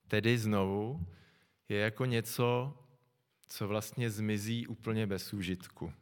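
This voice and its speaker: A middle-aged man preaching a sermon, calm and reflective, often pausing to think aloud. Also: lowish voice, clear, resonant tone. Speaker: pastor. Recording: long echo from a large hall.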